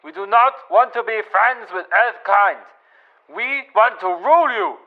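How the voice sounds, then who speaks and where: A man playing a menacing space lizard commander in a sci-fi radio drama, with a gravelly, forceful voice and a pompous, threatening delivery. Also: sits high, measured pace, phone-quality sound.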